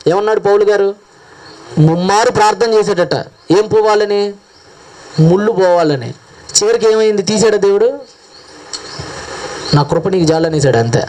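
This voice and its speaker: A man preaching a sermon, asking his listeners questions and telling a parable in a lively way. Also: high-pitched. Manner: lively, asks the crowd questions. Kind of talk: sermon with storytelling.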